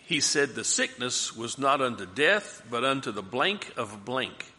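Bible study leader, male, lively questioning delivery, bright tone in a reverberant room. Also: mid-range voice, a little slow. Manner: animated, asks the group questions. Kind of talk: group Bible study teaching.

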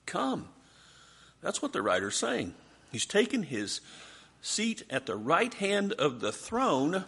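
A man's voice: fairly high pitch, huge pitch swings, measured pace, a bit bright, slightly rough. A man leading a Bible study class, teaching animatedly and putting questions to his listeners.

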